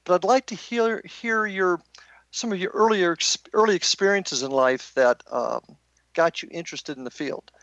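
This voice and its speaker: An American man hosting a talk radio interview in a deliberate, halting manner. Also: sits high, fairly bright tone, dry recording, muffled recording. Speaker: radio show host.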